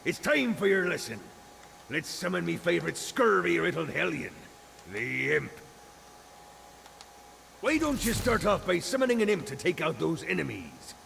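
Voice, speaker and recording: An actor playing a boastful pirate captain from hell, talking in pirate dialect with a gravelly voice, in a video game. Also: male voice, sits high, sing-song, normal speed, pauses often, a bit bright, a little hiss or hum, full character voice. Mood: swaggering.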